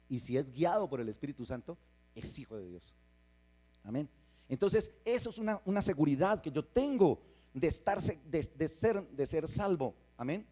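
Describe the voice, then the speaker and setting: A man preaching in church, his somewhat high voice swooping up and down as he stresses his points. He fires rhetorical questions at the congregation in an emphatic sermon style. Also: dark tone. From Colombia. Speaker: pastor.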